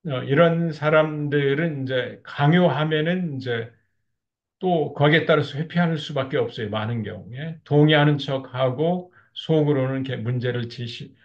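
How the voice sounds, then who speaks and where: Male marriage counselor, lecture delivery, gravelly, slightly muffled lo-fi audio. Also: a little high, moderate pace. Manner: steady explanatory tone with frequent fillers like "이렇게". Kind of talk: lecture on couple communication.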